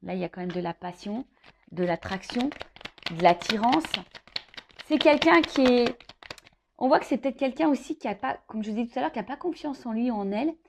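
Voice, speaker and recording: A woman with a slightly high, creaky voice and lively intonation hosts a love horoscope tarot reading, talking straight to the viewer over a noisy background. Improvising, she pauses to think, repeats phrases and drops frequent "hein" tags.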